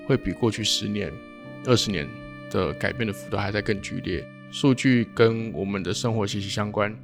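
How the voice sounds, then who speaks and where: Low-voiced man hosting a podcast. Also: vocal fry. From Taiwan. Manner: musing, thinks aloud, wraps up topics. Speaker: podcast host. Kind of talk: casual podcast conversation.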